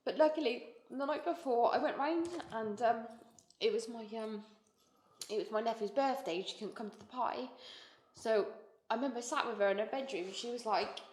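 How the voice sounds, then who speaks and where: A woman telling a personal story in an interview, blunt and sweary, halting with fillers and getting emotional. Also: a little high, darkish tone. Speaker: guest. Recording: echoey room.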